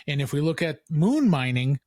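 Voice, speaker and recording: A man hosting a podcast in casual chat, relaxed and filler-heavy, often restarting his sentences. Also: a little high, moderate pace, no echo. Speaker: podcast host.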